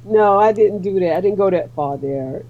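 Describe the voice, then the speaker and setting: A woman's voice: medium pitch, moderate pace, a little hiss or hum. A woman calls into a show over an internet call, and her voice comes through muffled, as if heard through a wall. The line is dull and lo-fi, with a sound shield wrapped around her mic. She talks in a chatty way and keeps fussing over how she sounds. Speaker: caller.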